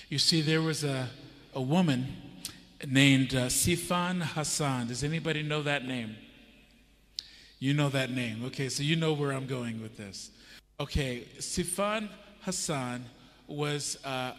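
On a church stage, a middle-aged American pastor preaches a sermon, telling a story and putting questions to the audience. His medium-pitched, fairly bright voice comes through a handheld microphone with church hall reverb.

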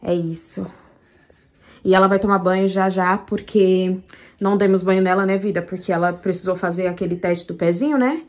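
A woman's voice: on the low side, fairly even intonation, normal speed. A tired young woman, a new mother, chatting casually to her viewers in a vlog in a tender, talkative way. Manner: chatty, tender, often says "gente" and "meu Deus".

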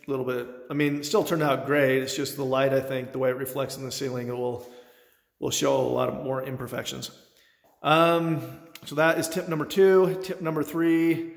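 A man talks through his home project in a loose, rambling way, full of ums and uhs. His voice sits mid-range. It rings off bare walls in an empty basement with a long, hollow tail, recorded on a handheld phone. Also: medium pitch. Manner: relaxed, rambling, filler-heavy how-to talk. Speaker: home improvement vlogger. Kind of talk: casual walkthrough vlog. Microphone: phone camera held by the speaker, off-screen. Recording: echoey bare room with long reverb.

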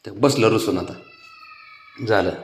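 A man's voice: on the low side, a little slow, reverberant. A man, talking to his cat at home in a casual, coaxing way. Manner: coaxing, sing-song talk to a pet. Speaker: cat owner filming his pet. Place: home, indoors at night.

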